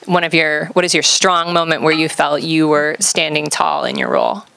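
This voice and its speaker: A woman moderating a panel, introducing the Q and A and repeating questions in a brisk, organized way. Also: low-pitched, expressive, creaky, sharp tone, smooth.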